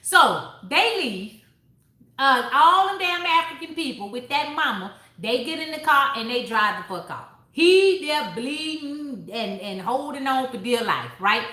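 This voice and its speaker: A high-pitched woman with a bright, sharp voice that swings widely as she talks. She recaps a book for her club in a loose, casual way, swearing freely and laughing. The sound bounces around an echoey room. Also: measured pace. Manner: profane, animated and laughing.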